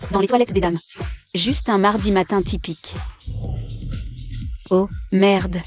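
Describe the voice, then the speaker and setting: A woman's voice: medium pitch, measured pace, faint music behind, natural voice. A woman dubbing a scheming young heiress who makes wry, sardonic asides. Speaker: heiress posing as a junior real estate agent. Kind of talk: French dub of a short drama.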